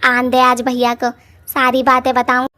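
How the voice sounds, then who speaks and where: A woman voicing a quarrelsome young witch woman in a cartoon, loud, rough and scolding. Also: very high voice, sing-song, moderate pace, voice pushed up, full character voice.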